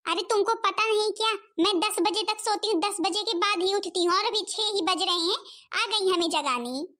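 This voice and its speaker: A woman's voice: extremely high pitch, normal speed, bright, forceful tone, dry recording. A woman playing a spoiled young bride from Mumbai who pleads and whines in a village family skit. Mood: annoyed. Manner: whiny, pleading.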